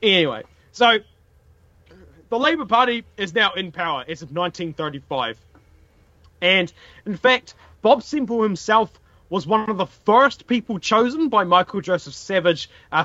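A man's voice: high-pitched, sharp tone, no echo, lo-fi sound. A man with a broad New Zealand accent telling history casually as a podcast host, colloquial and sweary.

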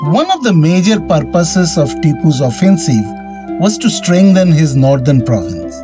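A man's voice: fairly high pitch, sing-song, a little slow. Man narrating over prominent music. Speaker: podcast co-host. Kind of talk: scripted history narration. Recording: music bed under the voice. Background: background music.

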